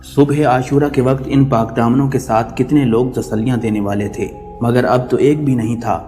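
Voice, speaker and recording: Guy narrating a sad religious story, slow and solemn, big reverb, soft music under it. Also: medium pitch, steady tone.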